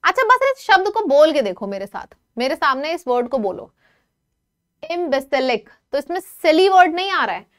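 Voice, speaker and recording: A woman teaching an online vocabulary lesson in a lively, coaxing way, often asking her students questions. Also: high voice, brisk, hardly any pauses.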